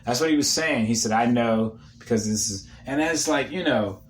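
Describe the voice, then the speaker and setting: A comedian telling a rambling, profane story in a casual monologue, often dropping into a low mutter when repeating what was said. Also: male voice, normal speed.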